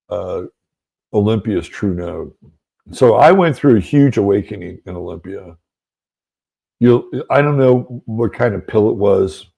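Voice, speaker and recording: A middle-aged man hosting an astrology show rambles through a story in a low, gravelly, dark-toned voice that sounds slightly rough. His monologue is loose and conversational, packed with fillers and asides.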